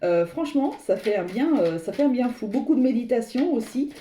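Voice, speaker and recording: A woman's voice: a little high, lively intonation, brisk, dark tone, slight background noise. A woman giving a tarot card reading to her viewers, meandering and searching for words as she speaks to them directly. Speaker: tarot reader. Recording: roomy echo.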